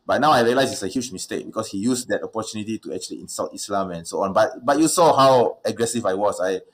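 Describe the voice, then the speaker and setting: A man's voice: fairly low pitch, quick pace. A man hosting a livestream Q&A, talking casually with many fillers and restarts. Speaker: livestream host.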